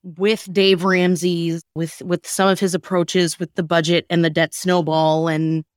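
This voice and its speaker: A podcast host introducing comedy sketches, this woman has a slightly low voice with a level tone and a measured pace. She tells stories candidly and colloquially, leaning on her key words, in a close, dry recording.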